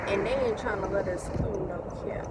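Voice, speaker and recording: A woman's voice: medium pitch, normal speed, distant mic, heavy background noise. A young adult woman chatting casually for a vlog in a slangy, playful, profane way on a phone recording. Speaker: vlogger. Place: mostly inside a car at night. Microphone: handheld or dash-mounted phone.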